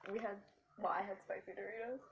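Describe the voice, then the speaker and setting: A woman co-hosting a casual podcast, animated and laughing often. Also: medium pitch, fast, gravelly, muffled recording, a little hiss or hum. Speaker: podcast co-host. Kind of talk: casual chat.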